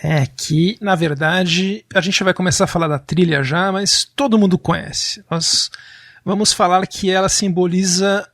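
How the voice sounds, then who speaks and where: A man's voice: high-pitched, fairly even intonation, a little slow, fairly bright tone, no echo, clean studio sound. A man co-hosting a podcast, explaining film history fluently in a storytelling way. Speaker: podcast co-host. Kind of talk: casual film music discussion.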